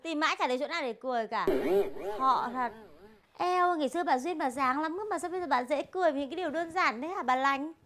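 A woman with a Northern Vietnamese accent playing a sharp-tongued pregnant wife who teases her friends with sarcastic remarks. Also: sits high, quick pace. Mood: mocking. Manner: teasing, sarcastic quips. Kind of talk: comedy film dialogue.

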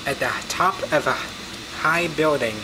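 A man's voice: fairly high pitch, big pitch swings, a little slow. A man riding along in an elevator, giving brief, agreeable answers in casual chat. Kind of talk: casual chat, short replies. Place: inside a small elevator cab. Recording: loud background noise.

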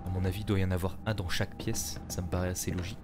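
A man streaming a game live, talking to himself as he searches and thanking viewers, sometimes calling out loudly into his microphone. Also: low-pitched, little pitch movement, rapid-fire, loud music behind the voice. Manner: calls out loudly at the game through the mic. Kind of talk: casual live gameplay commentary.

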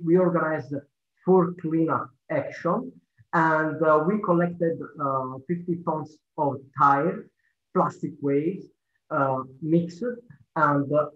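A man with an Italian accent speaks slowly and deliberately, often halting mid-sentence to find the right English word. His voice sits a little high for a man, and it comes through an echoey room on muffled, dull video-call audio. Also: fairly bright tone. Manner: halting, searching for words with many hesitations. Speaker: conference speaker, head of a national cleanup group. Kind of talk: presenting over a video call.

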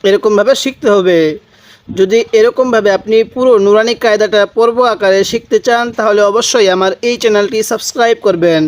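A man teaching Quran reading, drawing out each letter slowly and prompting his viewers to answer. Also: high voice. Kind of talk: Quran recitation lesson.

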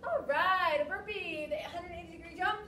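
A young woman working as an aerobics instructor, calling out cues and encouragement in short, energetic, motivating bursts. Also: very high-pitched, moderate pace. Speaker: aerobics and fitness class instructor. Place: large gym studio, indoors. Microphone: distant camera microphone. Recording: echoey gym, distant mic, noisy.

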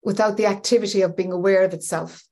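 Woman, 50s, spiritual teacher on a video call from home; reflective, gestures as she talks, even middle pitch. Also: quick pace. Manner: thoughtful, searching for words, animated hand gestures. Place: home room with bookshelves, indoors. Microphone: webcam on video call.

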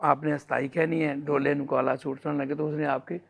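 A qawwali singer recounts a story in a casual, chatty way. His voice sits a little high and carries a gravelly edge. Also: flat delivery, fairly quick. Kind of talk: casual anecdote on a TV show.

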